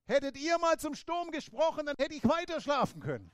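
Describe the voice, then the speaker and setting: A man voicing Jesus as a calm teacher who gently scolds his disciples with bemused questions. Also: extremely high pitch, brisk, no room sound, studio quality, pitched above the performer's own voice. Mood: mildly scolding.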